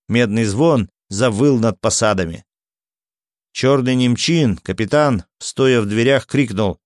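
A man narrating an audiobook in a measured, dramatic reading style. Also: medium pitch, a little mellow, dry recording, studio quality. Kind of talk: scripted narration.

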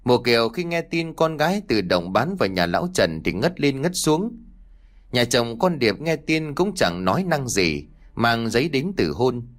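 A man narrating a scripted horror story, with expressive storytelling. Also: mid-range voice, unhurried.

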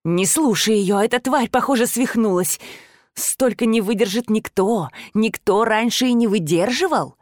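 A woman voicing a soft-spoken, menacing male master who can change his shape, in a storybook reading. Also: a little high, dry recording, studio quality, natural voice. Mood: insinuating. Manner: quiet, insinuating, slow.

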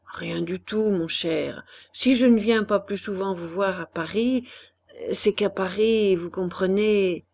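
A man's voice: high voice, slow pace, vocal fry, a little mellow, exaggerated voice. A woman reading the part of a curt, evasive young man in a storybook, speaking brusquely.

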